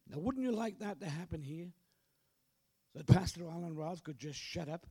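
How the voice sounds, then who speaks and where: A hoarse man getting over a cold, preaching a sermon as pastor at a church service in an emphatic, urging way. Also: fairly high pitch, expressive, moderate pace, warm tone. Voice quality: croaky.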